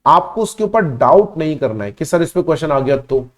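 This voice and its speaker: A man's voice: a little high, animated, fairly quick. A man teaching a live online class, speaking emphatically and repeating key points as he calls his students beta.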